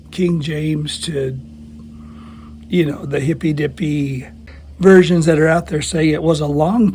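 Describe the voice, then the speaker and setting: A man giving a casual devotional talk in a thin, squeaky, strained voice, as if under the weather, with a folksy, self-deprecating manner. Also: darkish tone, slight background noise. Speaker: church small-group leader giving a video teaching.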